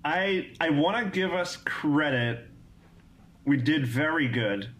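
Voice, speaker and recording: A man, a comedian guest on a casual podcast, joking in quick bursts with restarts. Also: a little high, expressive, fairly bright tone.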